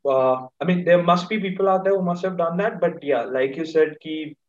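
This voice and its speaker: Man, North Indian accent, host, halting Hindi-English mix, echoey room, dull distant recording. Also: on the high side. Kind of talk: casual finance discussion. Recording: roomy echo, distant mic, dull sound.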